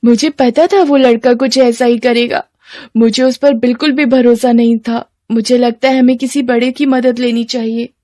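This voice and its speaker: A woman's voice: fairly high pitch, little pitch movement, normal speed, dark tone, voice pushed up, natural voice. A woman voicing a sensible, worried teenage schoolgirl friend in a cartoon, who talks in a scolding, concerned way.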